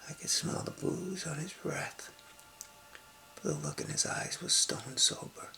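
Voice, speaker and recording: A man playing a gravelly hushed tough guy. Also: a little slow, slight background noise, exaggerated voice. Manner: hushed, low confessional storytelling, often near a whisper. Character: hardened adult man from a rough Brooklyn upbringing. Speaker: actor. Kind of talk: dramatic film monologue.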